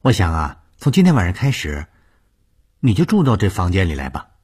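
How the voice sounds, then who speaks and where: A man's voice: low-pitched, wildly swooping pitch, fairly quick, a little mellow, slightly rough, voice pushed up, full character voice. A man voicing the mistress of a household, coaxing and insistent, in a storytelling reading. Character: scheming lady of the house, a woman.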